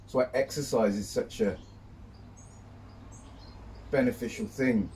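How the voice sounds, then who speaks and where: A man speaking reflectively to camera while sitting in ice cold water outdoors, in a measured way with pauses. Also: medium pitch, a little mellow. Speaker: vlogger. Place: outdoors, birdsong behind. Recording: distant mic, faint outdoor noise.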